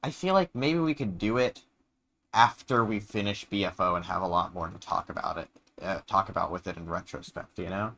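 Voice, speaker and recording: A man's voice: sits low, brisk, vocal fry, pushed and bright. A young man in casual chat while animating, joking around, laughing a lot and poking fun at himself. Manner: jokey, laughs often, self-deprecating.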